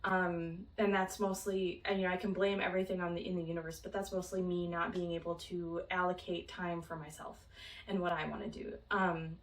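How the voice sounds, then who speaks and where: Heard from far off the mic in a roomy recording, a young Minnesotan vlogger talks briskly in a lowish, flat voice. Her casual chat wanders, full of ums and small laughs.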